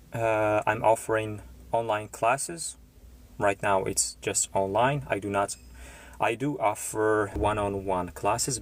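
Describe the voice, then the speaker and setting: A man from Morocco hosts his first live stream as an English tutor, reading the chat and greeting viewers by name. His voice is low and his delivery slow and unhurried, with many small pauses and fillers.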